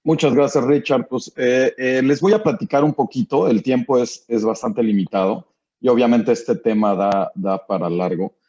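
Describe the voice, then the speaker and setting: A man's voice: medium pitch, normal speed, warm tone. A man giving a guest presentation in an online webinar, asking rhetorical questions as he walks through slides. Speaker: guest speaker. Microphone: video call. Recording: dull lo-fi call audio.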